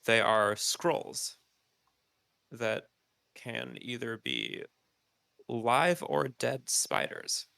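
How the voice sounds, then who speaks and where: A man's voice: mid-range voice, very animated, very slow, vocal fry, pauses often, pushed and bright, no echo. A man co-hosting a podcast, explaining at length in casual chat with many ums, his nose stuffy. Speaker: podcast co-host.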